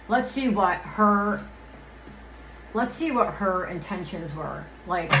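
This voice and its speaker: A young woman reading oracle cards in a loose, rambling vlog style. She swears freely and sounds irritated. Her voice bounces around an echoey room with a faint hum of ambience behind it. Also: fairly low pitch. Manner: rambling, loses her train of thought. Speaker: oracle card reader. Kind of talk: casual spoken card reading vlog.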